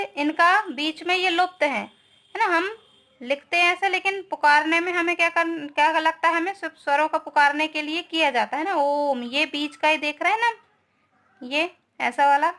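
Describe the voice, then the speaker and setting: Young woman teacher, high voice, explains things slow and step by step, keeps checking in. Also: sharp tone. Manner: explains step by step, often asks "है ना". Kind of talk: online grammar lesson.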